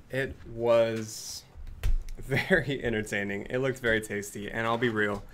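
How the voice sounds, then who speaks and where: A man's voice: fairly low pitch, fairly bright tone, slight background noise. A man co-hosting a live gaming show, chatting casually, teasing his co-host and laughing often. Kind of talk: casual live-stream chat.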